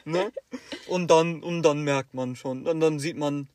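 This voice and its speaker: A young man co-hosting a podcast casually tells a story at a measured pace, with no room sound. He's animated, acting out the quoted teachers in louder, higher bursts.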